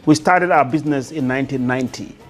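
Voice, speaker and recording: A man's voice: medium pitch, quick pace. A man in his sixties with a Gambian accent telling his story conversationally as an interview guest, often repeating phrases as he starts. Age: 60s. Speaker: interview guest, construction entrepreneur.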